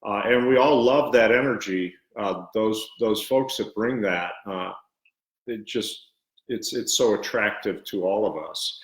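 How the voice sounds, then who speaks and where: A man co-hosting a live video stream, talking earnestly and haltingly, with many fillers. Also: lowish voice. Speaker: co-host and author. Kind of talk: live-stream book discussion. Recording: roomy echo.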